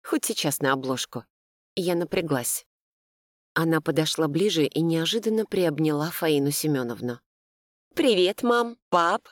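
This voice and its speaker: A woman narrating a first-person romantic comedy audiobook with a lively, expressive reading. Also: deep voice, normal speed, dry recording, studio quality.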